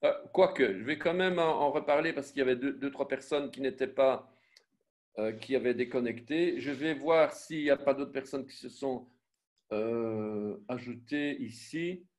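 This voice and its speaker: A man teaching a Biblical Hebrew lesson online, spelling out syllables and letters one by one, often pausing to correct himself. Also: mid-range voice, darkish tone. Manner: self-correcting, with frequent fillers and restarts. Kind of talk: online class with screen sharing.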